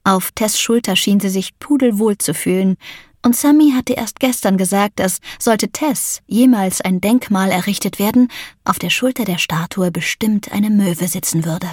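A woman narrating a children's book in a lively, expressive way. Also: mid-range voice, moderate pace, no echo, studio quality. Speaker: audiobook narrator.

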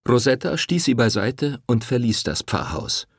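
A man reading a novel aloud as narrator, in an expressive, dramatic manner. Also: mid-range voice, normal speed, no room sound, studio quality. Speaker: audiobook narrator. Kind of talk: scripted narration.

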